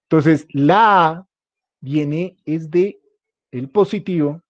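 This male teacher speaks slowly with a fairly high pitch, giving an informal class where he jokes, repeats himself, and keeps asking students whether they understand. There is no room sound, and the audio is muffled.

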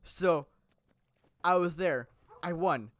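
A man's voice: on the high side, slow pace, no room sound. Young male gaming host, slightly raised voice, rambling chatty delivery, a bit under the weather. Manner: rambling, chatty, laughs often, many fillers and restarts. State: a little sick. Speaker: gaming YouTuber. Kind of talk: casual gameplay commentary.

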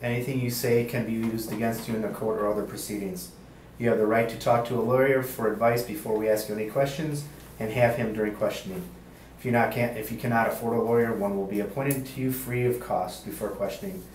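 A male state police investigator running a formal interrogation, halting with many uhs and ums, heard on an interrogation-room tape recording. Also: fairly low pitch, steady tone, a little mellow. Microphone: fixed room camera mic. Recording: roomy, distant, faint hiss.

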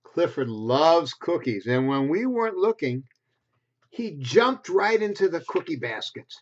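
Reading a little slowly in a voice on the high side, a man in his sixties shares a picture book with preschoolers. His delivery is expressive and simply phrased, with small asides. He's indoors in a small bedroom at home, recorded by a webcam at desk distance, and the sound is dull and lo-fi.

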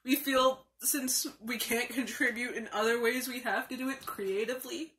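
Young woman, crying confessional vlog, highish bright voice, halting delivery. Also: steady tone. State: tearful, crying, upset. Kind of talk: emotional confessional vlog, venting. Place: small room indoors. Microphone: phone or webcam at arm's length.

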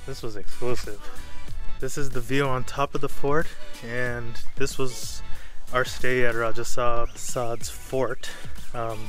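Male travel vlogger, medium pitch, informal and chatty to camera, music underneath. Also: bright, forceful tone. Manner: informal, addresses viewers as guys and y'all. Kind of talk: casual travel vlog narration to camera.

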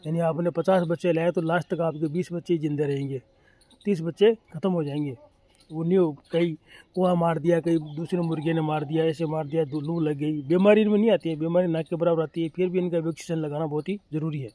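On his open farm, a Rajasthani poultry farmer chats to viewers in a fast, fairly high, steady, mellow voice. The vlog is casual and plain, full of repetition and direct address; there's no echo, just clucking chickens and faint noise.

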